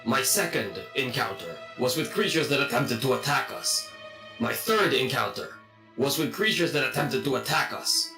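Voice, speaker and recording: Man doing a stiff robot voice, gravelly and bright. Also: mid-range voice, moderate pace, reverberant, soft background music. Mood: matter-of-fact. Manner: stiff, formal, monotone robot voice. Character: flat robotic male construct, literal-minded and cold. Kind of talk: playing a character in a tabletop game.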